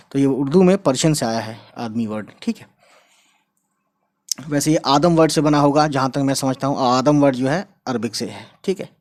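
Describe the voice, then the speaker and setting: A man teaching a casual online language lesson, drawing out words slowly and often checking in with his listeners. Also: a little high, a little mellow. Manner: repeats words slowly, drawn out for pronunciation; chatty, checks in with "right?" and "guys". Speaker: Urdu teacher.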